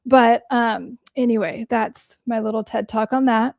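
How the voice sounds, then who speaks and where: A young adult woman, a therapist, chats casually on her livestream, answering viewers bluntly and swearing plenty, her voice cracking slightly from talking all day. She speaks a little slowly in a fairly high, steady tone, and the audio is dull though free of room sound.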